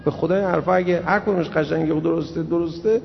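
A man giving an emphatic religious lecture, swinging from slow, low asides to loud scolding. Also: fairly even intonation, vocal fry, soft background music. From Iran, grew up in Tehran. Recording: dull recording in reverberant hall.

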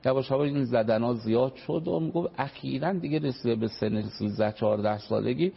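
Heard through a dull, lo-fi radio broadcast, a family counselor with a mid-range, creaky and slightly rough voice explains parenting. He speaks earnestly, with many examples and polite, formal turns of phrase.

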